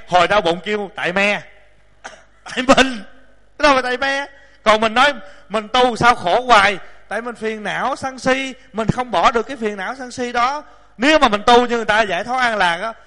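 A man, a Buddhist monk giving a lively, joking dharma talk to a large audience, acting out voices and scolding himself. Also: high voice. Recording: long hall reverb.

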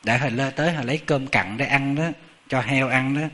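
A middle-aged man, a Buddhist monk with a Southern Vietnamese accent, telling a story in a chatty, animated sermon that often turns to the audience. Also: medium pitch, fairly quick.

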